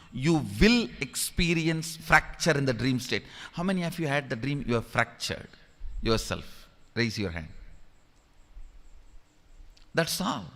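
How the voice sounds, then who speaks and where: Man, spiritual teacher, discourse, bright higher voice, long hall reverb. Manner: repeatedly urges listeners to listen, asks the audience questions.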